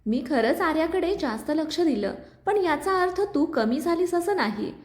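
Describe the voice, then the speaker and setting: A woman reading the part of a stern middle-aged mother-in-law who speaks in a grave, firm, measured way. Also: sits high, expressive, pitched above the performer's own voice. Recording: roomy echo.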